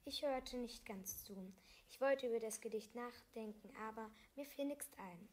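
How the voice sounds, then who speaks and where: A woman reading aloud a self-written fantasy story, halting, with small slips and restarts. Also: fairly high pitch, a little mellow.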